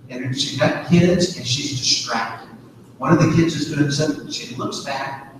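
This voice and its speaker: A man's voice: a little high, noisy background. A man teaching a sermon to a men's group, storytelling in a conversational way with frequent fillers. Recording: echoey hall, distant mic.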